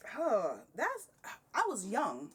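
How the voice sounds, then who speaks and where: A woman's voice: fairly high pitch, wildly swooping pitch, slow pace, breathy edge, far from the mic. A woman in her thirties talking candidly and with energy in a casual podcast conversation, often breaking into laughter. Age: 30s. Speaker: podcast guest.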